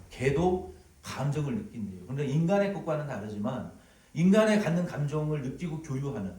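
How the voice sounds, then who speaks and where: A male pastor preaching a sermon, animated and storytelling, at times acting out sounds, in a church sanctuary. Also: mid-range voice. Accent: Korean, Jeolla dialect touches. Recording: echoey hall, from far off.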